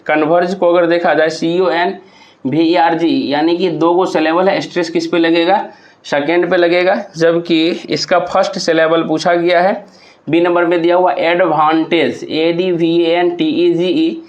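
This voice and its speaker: A man runs an exam revision lesson, his voice sitting a little high. He spells each word slowly, letter by letter, and keeps asking his students questions. The recording sounds muffled and lo-fi. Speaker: exam prep teacher. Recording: muffled lo-fi audio.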